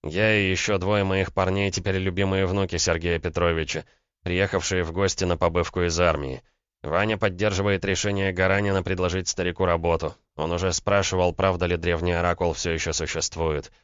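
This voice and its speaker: A man voicing a calm young man who speaks with dry amusement. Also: low voice, fairly quick, smooth, no echo, muffled recording. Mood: wry.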